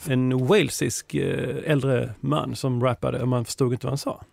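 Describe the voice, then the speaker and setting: A man's voice: mid-range voice, fairly even intonation, gravelly, darkish tone, dry recording. A man co-hosting a podcast in casual, teasing chat. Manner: joking, teasing. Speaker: podcast host.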